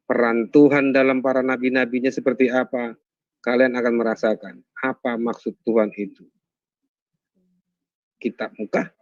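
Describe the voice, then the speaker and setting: Measured man explaining, muffled sound. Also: mid-range voice, darkish tone, dry recording. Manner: measured and explanatory, slowing down for key points. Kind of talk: calm address to viewers.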